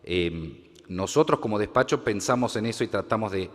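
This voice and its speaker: Deep-voiced man, hesitant panelist. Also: expressive, moderate pace. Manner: hesitant, frequent fillers. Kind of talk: panel discussion. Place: conference hall. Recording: long hall reverb.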